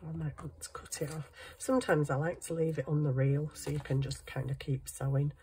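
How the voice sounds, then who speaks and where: A middle-aged woman who hosts a craft channel chats casually and pokes fun at herself while hand sewing at a cluttered indoor craft table. She's bunged up with a cold, sniffing, and her husky, congested voice is low, dark, flat, and fairly quick. The recording carries a little hiss or hum.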